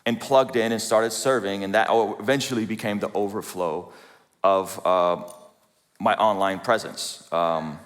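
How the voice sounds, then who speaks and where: A man's voice: on the low side, steady tone, a little slow. Man speaking in an echoey hall. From Azerbaijan. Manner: conversational, self-deprecating, asks the audience questions. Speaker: speaker at a church event. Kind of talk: humorous personal testimony talk. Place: large hall with a live audience. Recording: reverberant hall.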